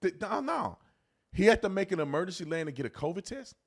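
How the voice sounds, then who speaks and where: An American man, a former police officer hosting an informal commentary, talks fast in a high-pitched, sing-song voice. He is emphatic and repeats phrases to hammer his points home.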